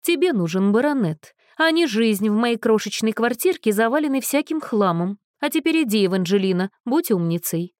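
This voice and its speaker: A woman's voice: a little high, expressive, moderate pace, hardly any pauses, a little mellow, no room sound, studio quality, pitched above the performer's own voice, lightly acted. A woman voicing a carefree young woman who speaks in a lazy, breezy drawl. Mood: lazy, amused.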